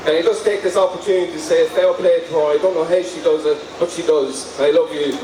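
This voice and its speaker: A man's voice: on the high side, fairly even intonation, fast. A man with an Irish accent reading out a prepared personal speech at a rally. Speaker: speaker at a rally. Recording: echoey, distant microphone, noisy background.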